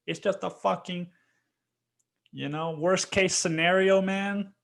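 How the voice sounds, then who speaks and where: A young podcast host from Mexico delivers a casual solo monologue, drifting from point to point, cursing freely and saying "dude" constantly amid other fillers. He speaks slowly in a high, fairly bright voice with vocal fry and fairly even intonation.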